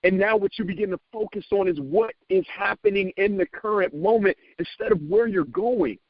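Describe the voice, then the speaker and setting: A man giving a motivational talk to a sales team, animated and preacherly, repeating phrases and stumbling over words when he gets excited. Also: high voice, normal speed, no echo, muffled recording.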